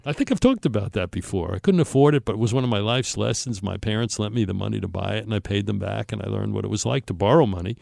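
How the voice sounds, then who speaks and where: A man's voice: fairly low pitch, animated, quick pace, vocal fry, few pauses, a little mellow, no room sound, clean studio sound. An older man with a Brooklyn accent tells a personal story in an emphatic, conversational way, acting out the dialogue. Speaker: storyteller on a talk show.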